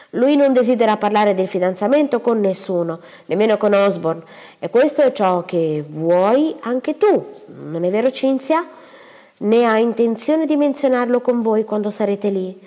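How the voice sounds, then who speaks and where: A woman's voice: mid-range voice, warm tone, pitched above the performer's own voice, close to an everyday voice. A woman voicing an impatient middle-aged male country doctor, speaking curtly and with exasperation. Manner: curt and exasperated. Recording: long reverberant room.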